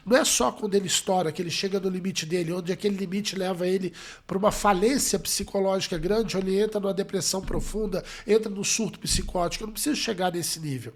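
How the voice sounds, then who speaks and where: A man from Brazil speaks in a notably high voice. He answers interview questions as a psychologist. He tells workplace anecdotes and voices each side of the conversation. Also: vocal fry. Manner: expressive storyteller, acts out quoted dialogue. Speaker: psychologist guest.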